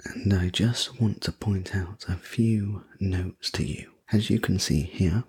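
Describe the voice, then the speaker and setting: A man speaks in an ASMR role-play as a sleep story narrator. His voice is low and very breathy, with hardly any tone in it. He takes his time over each phrase, gently reassuring and soothing the listener as an attentive host. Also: steady tone. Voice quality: soft, breathy soft voice. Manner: slow, gentle, reassuring delivery. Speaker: host playing a sleep room preparation attendant.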